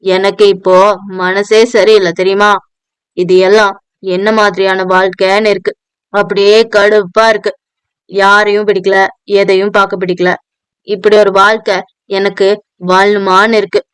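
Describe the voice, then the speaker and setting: A woman's voice: mid-range voice, fairly even intonation, moderate pace, clear, resonant tone, dry recording, close to an everyday voice. A woman voicing a drunk, arrogant young man who is possessive and self-pitying, in an audio novel. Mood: dejected. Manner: slurred, bossy, self-pitying. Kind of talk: audio novel dialogue reading.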